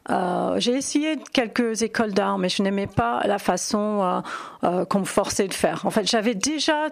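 American woman painter, gravelly and dry. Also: medium pitch, animated, normal speed, no room sound. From New York, United States. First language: English. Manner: hesitant, many fillers and restarts, laughs easily. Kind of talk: radio interview.

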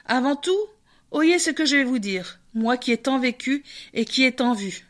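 A woman's voice: high voice, lively intonation, normal speed, fairly bright tone. A woman voicing an old, wise male raven who lectures the animals solemnly in a storybook reading.

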